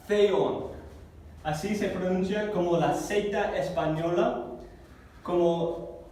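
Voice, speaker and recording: A man teaching a Greek class, explaining slowly and carefully, repeating words and correcting himself as he goes. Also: high voice, a little mellow, slight background noise. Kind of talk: classroom lesson. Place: church classroom. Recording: echoey room recorded from a distance.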